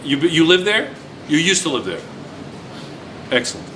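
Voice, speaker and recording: A man teaching physics keeps things chatty and teasing, parroting his students' replies. His slightly high voice is sing-song at normal speed, and a crowd can be heard in the background of this noisy classroom recording.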